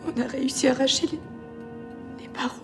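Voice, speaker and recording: Woman, a young mother, emotional, halting, fairly high voice. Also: fairly even intonation, music in the background. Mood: shaken. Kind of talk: period TV drama acting.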